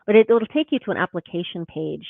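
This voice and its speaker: A woman's voice: lowish voice, expressive, fast, creaky, no room sound. A woman, a guest teacher in a casual conversation, reflective and laughing often as she talks in earth metaphors. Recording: tinny phone-like call audio.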